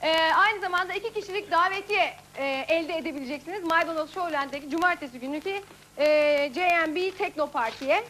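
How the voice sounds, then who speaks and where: A woman's voice: very high voice, fast talker, sharp tone, a little hiss or hum. A woman hosting a casual live TV show, chatting, laughing and reading out viewer faxes. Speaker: TV show host.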